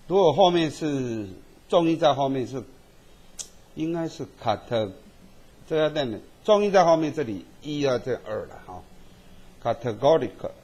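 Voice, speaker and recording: A man's voice: mid-range voice, darkish tone, slightly rough. A man teaching a statistics class, tagging his sentences with little checks to the students. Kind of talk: classroom lecture.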